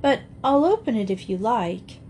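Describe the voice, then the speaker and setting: Woman reader voicing a gentle, earnest girl, soft and near tears. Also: on the high side, very animated, normal speed, slight background noise. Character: gentle, good-hearted young girl.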